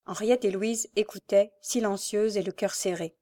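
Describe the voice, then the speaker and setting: A woman's voice: medium pitch, fairly even intonation, moderate pace, warm tone. A woman reading a classic novel aloud as scripted narration, rising to urgent emphasis in the dialogue. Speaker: audiobook reader.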